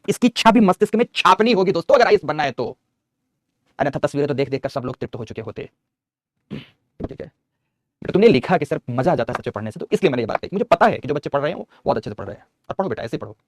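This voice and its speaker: A man's voice: fairly high pitch, no room sound, clean studio sound. A man teaching geography in an online class, dictating notes and coaxing and scolding his students. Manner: scolding and coaxing students, calls them beta.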